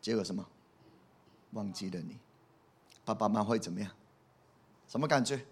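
A man's voice: fairly low pitch, normal speed, slightly rough. A male pastor preaching a sermon in an emphatic way, often asking his listeners rhetorical questions.

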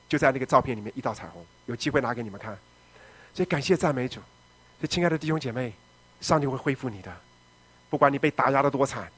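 Fast-talking dramatic pastor. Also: male voice, mid-range voice, slightly rough. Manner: dramatic storytelling, swings from loud shouting to quiet. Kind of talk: testimony sermon.

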